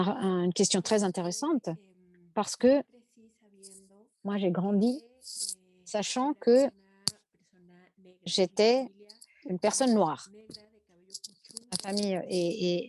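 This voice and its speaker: A woman moderating a panel over a video call and interpreting a guest's answer, halting often with fillers and restarted phrases. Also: medium pitch, warm tone.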